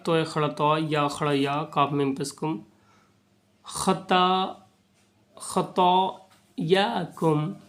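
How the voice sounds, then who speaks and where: A man teaching Quran reading to children, spelling out Arabic letters syllable by syllable and then blending them into whole words. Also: on the high side. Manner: slow and deliberate, drawing out syllables.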